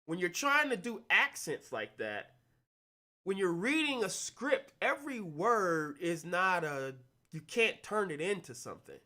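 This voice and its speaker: A young adult man telling stories casually, animated, acting out the quotes with big jumps in his voice. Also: high-pitched, a little slow. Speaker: actor telling stories on a talk stream. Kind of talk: casual storytelling.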